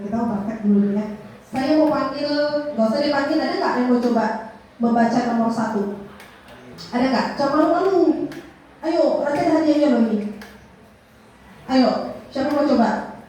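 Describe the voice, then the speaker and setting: Woman trainer, lively and coaxing, high voice, recorded from a distance in a school hall. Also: slight background noise. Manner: lively, coaxing, asks class questions. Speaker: public speaking trainer. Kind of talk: classroom workshop talk. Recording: echoey room, voice from far off.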